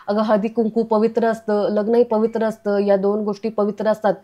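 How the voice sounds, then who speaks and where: A woman's voice: mid-range voice, monotone, brisk, mellow, muffled recording, lightly acted. A woman voicing a bossy, nagging older mother-in-law in a retold family serial. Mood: scolding. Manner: nagging and lecturing.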